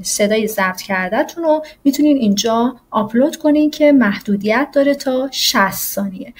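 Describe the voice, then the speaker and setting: A woman English teacher walking through a software tutorial in a casual, explanatory way, often pausing on "uh". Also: a little high. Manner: casual and explanatory, with frequent "uh" fillers. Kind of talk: screen-recorded software tutorial.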